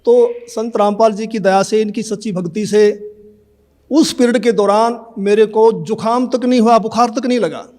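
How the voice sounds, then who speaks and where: Man in his 50s, pretty high voice, earnest, telling his story in an interview. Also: steady tone, moderate pace, a little mellow. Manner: earnest storytelling, acts out remembered dialogue. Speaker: devotee giving testimony. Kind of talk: personal testimony in an interview.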